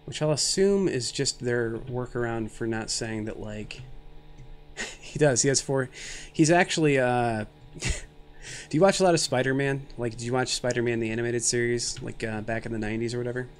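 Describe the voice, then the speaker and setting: A man of thirty talks through a game stream in a mid-pitched voice, rambling and self-mocking as he jokes with his chat. He sounds tired and a bit loopy from too little sleep and too much caffeine, and a faint hum of room noise sits behind him. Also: moderate pace. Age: 30s. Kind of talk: casual live-stream commentary.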